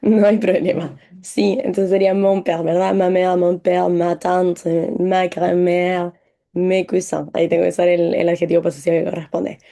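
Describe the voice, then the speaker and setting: A woman's voice: on the low side, level tone, normal speed, vocal fry, dark tone. A woman with a Chilean accent teaching a French lesson, encouraging and full of examples. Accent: Chilean Spanish. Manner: encouraging, explains with lots of examples.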